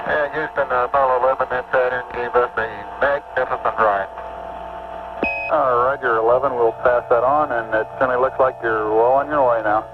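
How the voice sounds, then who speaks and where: A man's voice: mid-range voice, steady tone, a little fast, music in the background. A man speaking in clipped radio procedure over an archive air-to-ground radio transmission. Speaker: mission control and crew radio traffic. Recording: muffled archive radio with static hiss.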